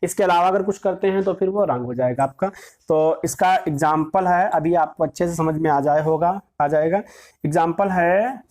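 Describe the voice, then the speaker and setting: A woman's voice: fairly low pitch, normal speed, darkish tone. A woman teaching a grammar lesson who dictates example sentences word by word and asks her class questions, then answers them herself.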